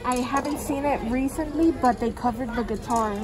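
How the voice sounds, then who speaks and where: A woman's voice: sits high, normal speed, a crowd in the background. A woman chatting enthusiastically while browsing merchandise in a store for a shopping vlog. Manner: enthusiastic, pointing things out. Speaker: vlog co-host. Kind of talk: casual shopping vlog chat. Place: large indoor retail store. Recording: loud store music behind.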